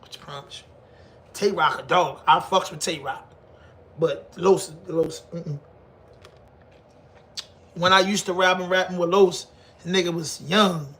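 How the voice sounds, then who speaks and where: A high-voiced man with a Baltimore accent talks off the cuff to his viewers. His tone is bright and forceful, and his delivery is slangy, profane and emphatic, with phrases often repeated. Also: steady tone, measured pace, long pauses. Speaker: online commentator on hip hop. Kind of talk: casual unscripted talk to viewers.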